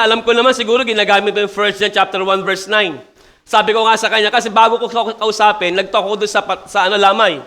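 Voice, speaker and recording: A man's voice: high-pitched, bright, forceful tone. A male pastor preaching a sermon, telling stories and switching between Tagalog and English, raising his voice to stress points. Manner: storytelling, mixing Tagalog with English.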